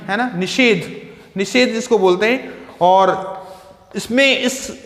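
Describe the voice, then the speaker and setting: High-voiced male teacher in an echoey room. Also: a bit bright. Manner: asks rhetorical questions and answers them himself; repeats key terms with simple synonyms. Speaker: English grammar teacher. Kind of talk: explaining grammar to students. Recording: echoey room with long reverb.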